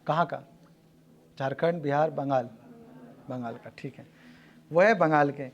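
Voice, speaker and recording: Man, high voice, brisk classroom quiz teacher, echoes each answer back. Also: muffled recording. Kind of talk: classroom quiz, calling on students. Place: classroom with students.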